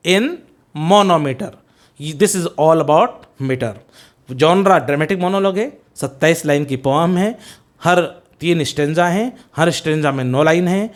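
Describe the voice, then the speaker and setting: An Indian man lecturing on a poem for a competitive exam, switching between Hindi and English. His voice sits noticeably high for a man, and he drills his students by counting lines and repeating the likely questions. The delivery is a teacher's steady classroom explanation. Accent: Hindi-speaking Indian.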